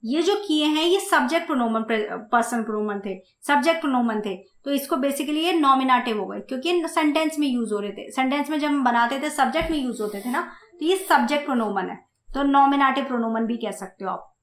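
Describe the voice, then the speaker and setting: A woman teaching German grammar in Hindi, speaking slowly, repeating points and asking her students questions. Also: sits high, lively intonation, roomy sound. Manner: slow, repeats and asks the class questions. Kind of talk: grammar lesson explained in Hindi.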